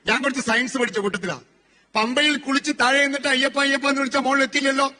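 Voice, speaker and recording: A man's voice: very high voice, steady tone, quick pace, pushed and bright. A man in his forties giving a motivational speech, telling stories and asking rhetorical questions. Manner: storytelling with rhetorical questions and repetition. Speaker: motivational speaker.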